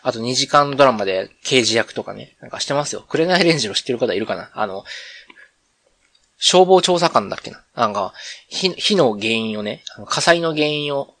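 Animated man with a Kansai accent. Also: medium pitch, moderate pace. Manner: rambling, conversational, self-correcting. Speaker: podcast host. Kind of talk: casual solo radio chat.

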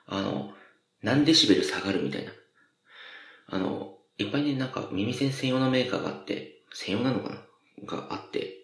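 A man with a low, gravelly voice hosts his own radio talk show alone. He chats casually and rambles, and he often stops to correct a word he got wrong. The sound is roomy and echoey. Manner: rambling, self-correcting, chatty. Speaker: podcast host. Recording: roomy echo.

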